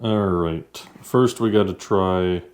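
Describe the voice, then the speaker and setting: Low-voiced easygoing man. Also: takes it slowly, darkish tone. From United States. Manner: easygoing, chatty, talks while eating. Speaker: vlogger. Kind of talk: casual food-tasting chat.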